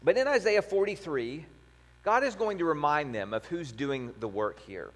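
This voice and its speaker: A man's voice: fairly high pitch, moderate pace. Man preaching in a reverberant hall. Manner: storytelling, animated retelling with rhetorical questions. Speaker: pastor. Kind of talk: sermon.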